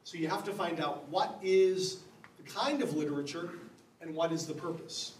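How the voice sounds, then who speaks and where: High-voiced pastor lecturing in a roomy hall. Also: male voice, moderate pace. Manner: wry and humorous, chuckling at the text. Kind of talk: lecture on the Bible. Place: church hall. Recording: roomy, from a distance, faint background hum.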